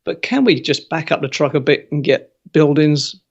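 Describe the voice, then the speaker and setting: Opinionated male guest, upbeat and a bit high-voiced, slightly muffled lo-fi audio. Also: normal speed. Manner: lively, opinionated, colorful comparisons. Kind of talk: casual interview conversation.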